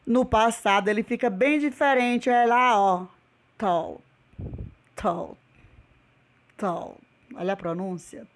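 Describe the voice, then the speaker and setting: A woman with a Brazilian Portuguese accent teaching English in a remote video lesson, patiently repeating each word and quizzing her class with questions. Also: mid-range voice.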